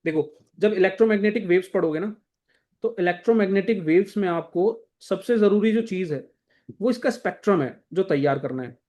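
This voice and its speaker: A man's voice: high voice, lively intonation, brisk, a little mellow. Hindi-speaking man teaching exam prep. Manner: casual, directive, repeats "thik hai" to check in. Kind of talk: exam-prep lesson walking through a textbook.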